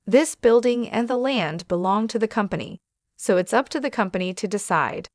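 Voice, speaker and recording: A woman reading the lines of a lawyer in a narrated story, calm and matter-of-fact. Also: medium pitch, moderate pace, no room sound, clean studio sound, close to an everyday voice.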